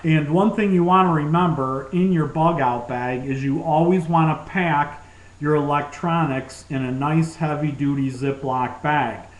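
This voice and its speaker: Speaking slowly in a slightly high voice, a man shows off gear in a casual demo and sounds eager to recommend it. The recording carries a clear, roomy echo and sounds dull.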